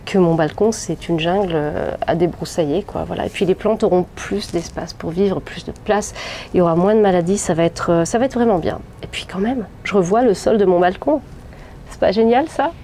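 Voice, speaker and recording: Holding her phone at arm's length, a gardening vlogger in her thirties shows off her balcony plants outdoors in the sun, talking casually through a head cold with lots of fillers and restarts. She speaks fairly quickly in a lowish, warm voice. A little background noise comes through.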